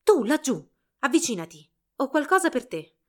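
A woman's voice: high voice, big pitch swings, normal speed, a little mellow, voice pushed up. A woman voicing a gracious young princess with courtly speech. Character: gracious young noble princess, poised and warm.

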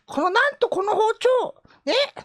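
A woman playing a pushy supermarket salesperson demonstrating knives in comedic improvised role-play, hawking loudly in a high voice. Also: animated, measured pace, dry recording. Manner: loud, high, hawking patter. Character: pushy adult supermarket knife demo salesperson.

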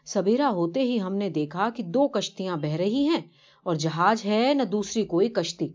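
Woman voicing a humble old pilgrim man for a story reading, lowered voice, earnest and slow, dull lo-fi sound. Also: animated, a little mellow, lightly acted. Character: poor elderly man, devout pilgrim, humble. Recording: dull lo-fi recording.

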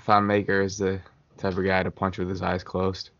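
A young American man with a fairly low voice trades casual podcast banter like a frat bro. He peppers his talk with slang and curses, and the sound is a little dull and lo-fi. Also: monotone, moderate pace, fairly bright tone. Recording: dull lo-fi audio.

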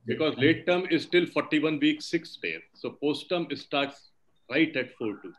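Slightly high-pitched male teacher. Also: animated, unhurried. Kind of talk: precise corrections in oral revision.

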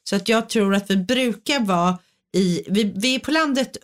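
A woman from Sweden in casual podcast chat, talking about herself with wry self-mockery. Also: medium pitch. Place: lives in England.

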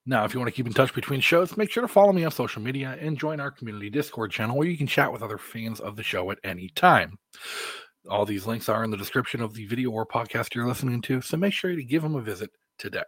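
An American man delivering a podcast monologue as host, in deliberate phrases with emphatic stresses. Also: medium pitch, lively intonation, fairly bright tone, slightly rough, no room sound.

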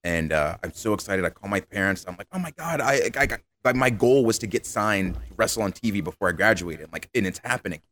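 A man's voice: low-pitched, fast talker, few pauses. A man, a podcast guest, telling stories in a casual interview and acting out the voices of the people he quotes. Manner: animated, acts out quoted voices.

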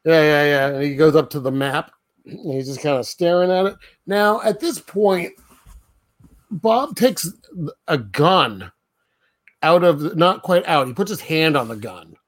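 Male podcast co-host, chatty movie recap, slightly higher voice, laughs easily. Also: measured pace. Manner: laughs often, recounts plot with voiced quotes. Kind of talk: casual movie recap chat.

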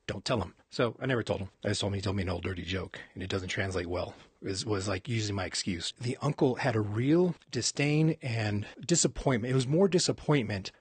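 A man's voice: lowish voice, breathy edge, dry recording. A man in his forties, a podcast host, telling a rambling, self-correcting story from his army days with casual profanity.

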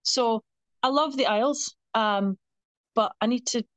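A young Scottish woman chatting as a podcast guest, telling stories in an animated way and laughing often. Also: on the high side, measured pace, clear, resonant tone, no room sound. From Scotland. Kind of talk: casual chat.

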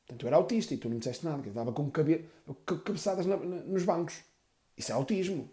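A male comedian tells crude, rambling stories from his childhood in a stand-up set. His voice is mellow and rounded, and he drops deadpan asides as he goes. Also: a little high, quick pace. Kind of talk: stand-up storytelling.

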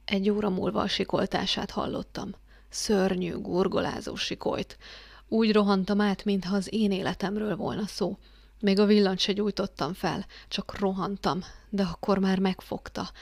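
A woman voicing a haunted, guilt-ridden father confessing in a flat, hollow tone that breaks into agitation. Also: mid-range voice, vocal fry, no room sound.

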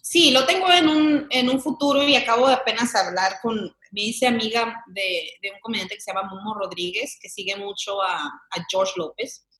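A woman's voice: a little high, normal speed, hardly any pauses, fairly bright tone. A young Mexican woman, a comedy sketch creator, chatting animatedly as an interview guest, often laughing. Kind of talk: casual interview chat. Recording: echoey room.

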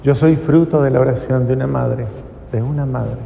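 A middle-aged man, a priest, giving an emotional testimony sermon that swings between pleading cries and hushed near-whispers. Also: medium pitch, steady tone, normal speed, creaky, narrow, tinny audio, a little hiss or hum. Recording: reverberant hall with faint ambience.

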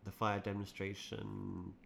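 Agreeable low-voiced podcast co-host. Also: male voice, monotone, a little slow, vocal fry, a little hiss or hum. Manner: agreeable, chuckling, many short affirmations. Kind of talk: casual podcast chat.

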